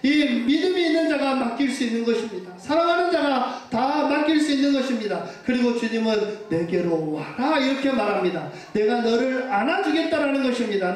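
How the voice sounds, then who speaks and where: A man with a notably high voice preaches fervently from the pulpit, throwing questions at the congregation and having them repeat his words. His voice carries through a church hall with heavy echo, picked up from well away from the mic. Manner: asks the congregation questions and has them repeat after him; fervent, urging delivery. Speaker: pastor. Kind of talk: sermon. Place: church sanctuary. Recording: echoey church hall from far off.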